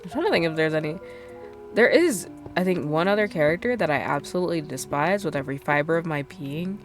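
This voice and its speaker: A woman's voice: low voice, animated, brisk, faint music behind. A young adult woman streaming a game, chatting casually and rambling with lots of fillers. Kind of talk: casual chat while gaming.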